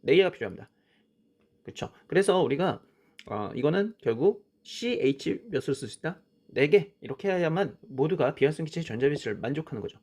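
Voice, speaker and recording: A man's voice: on the high side, very animated, a little fast, a little mellow, slightly rough. A man teaching a science lesson, drawing on a worksheet as he explains, often starting with "자" and asking questions that he then answers himself. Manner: frequent "자" and "그쵸?" as prompts.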